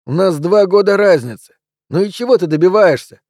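A man voicing a schoolboy who speaks calmly and reasons with a bully. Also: sits high, fairly quick, no echo, clean studio sound, pitched above the performer's own voice. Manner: calm, reasoning, steady. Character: calm, level-headed schoolboy.

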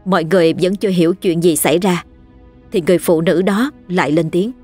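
A narrator telling a ghost story in a steady, scripted way. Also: mid-range voice, brisk, soft background music.

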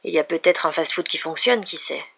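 A woman's voice: low-pitched, a little fast, creaky, slightly rough, lo-fi sound, full character voice. Brief: storybook ex-paratrooper, young man, friendly, a touch awkward, voiced by a woman reader.

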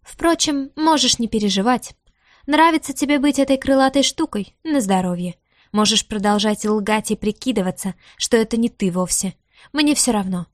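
A young necromancer woman speaks with mocking bite, needling the one she loves, as a woman reads her in an audiobook. Her tone is provocative and quick to sting. The sound is dry and close. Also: on the high side, no echo, natural voice. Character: young woman necromancer, defiant and sharp-tongued.

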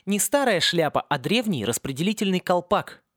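A pompous young wizard student who speaks grandly and loves his own cleverness, as a man reading an audiobook puts him on. His voice is pitched well up. The recording is close and dry. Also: big pitch swings, moderate pace, no room sound. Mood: smug. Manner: grand, self-satisfied.

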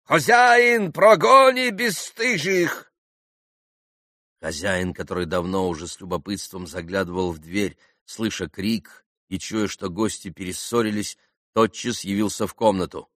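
A man reading an audiobook as narrator, in an expressive, measured way. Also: low-pitched, no echo, clean studio sound. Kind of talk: scripted narration.

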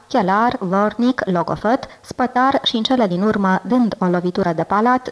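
A woman reading a literary tale aloud in a deliberate, expressive manner, slowing words for emphasis. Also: mid-range voice, creaky. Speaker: audiobook reader. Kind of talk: scripted literary narration.

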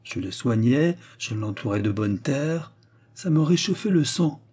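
A man voicing a gruff, irritable old professor who grumbles and flares up. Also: medium pitch, animated, a little slow, warm tone. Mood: angry.

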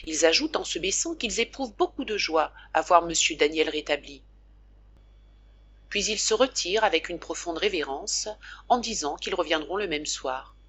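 A woman narrating a classic novel aloud for an audiobook in a measured, gentle storytelling manner. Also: fairly low pitch, lively intonation, slightly rough.

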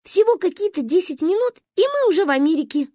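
Picture a bold, excitable little girl, her voice shooting far up into a shrill register. She swoops wildly in pitch as she speaks, and she wails when upset. It sounds close and dry. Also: fast, dry recording. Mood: excited.

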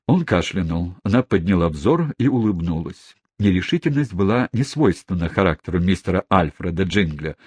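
A man reads the narration of a novel aloud in a low, slightly husky voice. His pace is measured and even. The sound is dry and close to the mic. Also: dry recording. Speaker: audiobook reader. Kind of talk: scripted audiobook narration.

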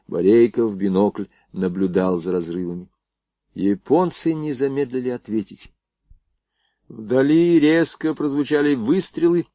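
A man narrating a novel as an audiobook in a lively, expressive reading. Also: mid-range voice, no room sound.

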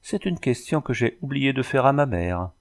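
A man's voice: medium pitch, animated, moderate pace, voice pushed up, lightly acted. Man doing a coarse, mocking bandit sailor. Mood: gruff mocking. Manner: rough, mocking, colloquial. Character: coarse boastful male backwoods bandit sailor.

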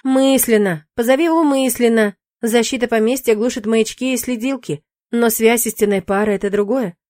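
A woman's voice: on the high side, fairly even intonation, a little fast, a little mellow, no room sound, clean studio sound, lightly acted. A woman voicing a playful, teasing young male demon in an audiobook, in a cheeky, bantering manner.

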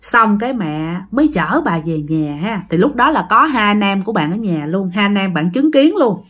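A woman with a Southern Vietnamese accent, narrating a ghost story to her listeners in lively quoted speech. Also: mid-range voice, normal speed.

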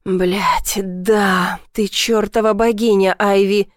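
A woman voicing a possessive, domineering young man who speaks in a low growl. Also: steady tone, slow pace, dry recording, clean studio sound, close to an everyday voice. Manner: low growling, hissing delivery.

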